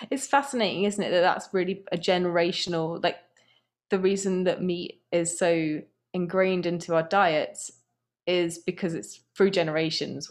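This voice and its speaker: A woman appearing as a podcast guest, explaining her ideas in a thoughtful, earnest way. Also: fairly low pitch. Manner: thoughtful and earnest, with fillers and restarts. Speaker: guest, app founder. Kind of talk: casual conversational interview.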